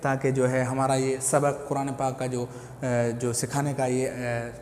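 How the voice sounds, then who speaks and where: A man's voice: mid-range voice, monotone, a little slow, darkish tone, slight background noise. A man with an Urdu accent teaching a Quran recitation lesson, patiently explaining step by step and repeating key terms. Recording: echoey room.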